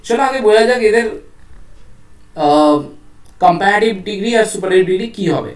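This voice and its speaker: A woman with a Bengali accent teaches an English grammar lesson, explaining the rules step by step and asking her students questions along the way. Her medium-pitched voice is lively and fairly quick. She's off mic on a distant microphone in an echoey room.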